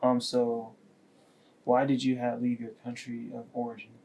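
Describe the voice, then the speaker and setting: A man conducting an oral history interview, asking short questions in a flat, level tone. His voice is dark and mellow, and there is a faint hiss of background noise. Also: mid-range voice, normal speed, gravelly, low-quality recording. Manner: reads short questions plainly. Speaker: student interviewer.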